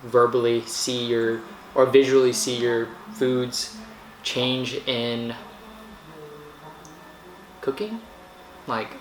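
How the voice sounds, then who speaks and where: A man narrating a casual food vlog in a rambling, halting way, often searching for words. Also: mid-range voice. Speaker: food vlogger. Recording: echoey room with faint background noise.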